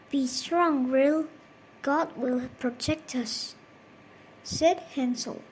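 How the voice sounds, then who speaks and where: A woman reads a children's fairy tale aloud in a high voice, taking her time over each line. Her delivery is even and scripted, with a faint hiss behind it. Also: rough recording. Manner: slow, even reading. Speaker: storyteller. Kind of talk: scripted storybook narration.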